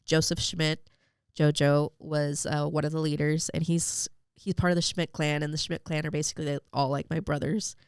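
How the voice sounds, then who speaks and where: A woman's voice: sits low, little pitch movement, moderate pace, clear, resonant tone, dry recording, clean studio sound. A young woman telling a heartfelt personal story as a podcast guest, with lots of "like" and fillers. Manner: emotional storytelling with many fillers. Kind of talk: personal faith story in an interview.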